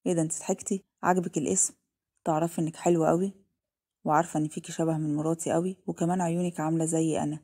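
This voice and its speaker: A woman with an Egyptian Arabic accent voicing a tender, earnest young man in a told story, speaking softly and affectionately. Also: sits low, level tone, rapid-fire.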